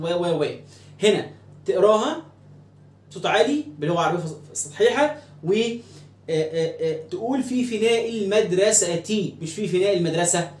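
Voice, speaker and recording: A man with an Egyptian Arabic accent teaches a grammar lesson at a brisk pace, stretching out each example word. He keeps asking questions and answering them himself. The room around him rings with echo. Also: high-pitched, a little mellow, a little hiss or hum. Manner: drills words slowly, asks and answers his own questions.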